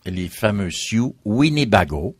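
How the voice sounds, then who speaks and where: A man's voice: on the low side, very animated, slow pace, husky, no echo, studio quality. A man, a history guest explaining at length in a radio interview and listing names one after another.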